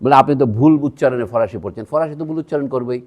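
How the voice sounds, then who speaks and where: A man's voice: mid-range voice, quick pace, a little mellow. Man giving a digressive public lecture. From Bangladesh. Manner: digressive, conversational, with asides to the audience. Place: university museum hall.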